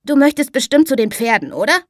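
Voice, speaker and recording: A woman's voice: high-pitched, animated, quick pace, dry recording, clean studio sound, pitched above the performer's own voice. A woman voicing an eager young farm boy. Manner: eager, chatty.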